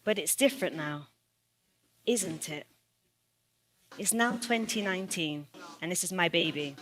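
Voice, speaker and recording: A woman's voice: on the low side, measured pace, a bit bright. Earnest woman giving a speech. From United Kingdom. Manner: earnest, rhetorical, with a repeated refrain. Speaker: assistant principal giving a talk. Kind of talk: personal storytelling speech.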